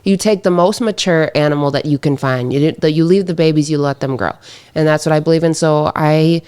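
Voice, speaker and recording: A woman's voice: deep voice, a little fast, a little mellow, smooth. A woman who hunts, a podcast guest, speaking earnestly and firmly about her views. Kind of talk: casual chat.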